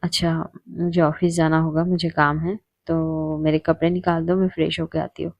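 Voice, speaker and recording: Woman doing a hot-headed young woman, snaps fast then goes all soft, dry close sound. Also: low voice, little pitch movement, gravelly, no room sound. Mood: tender. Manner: angry outbursts, soft and tender with her partner. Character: hot-tempered young woman, fierce and protective.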